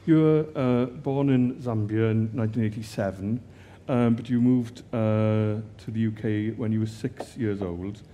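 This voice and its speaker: A man's voice: on the low side, a little slow, dark tone, slight background noise. A man interviewing a poet, asking questions with a hesitant, filler-heavy delivery.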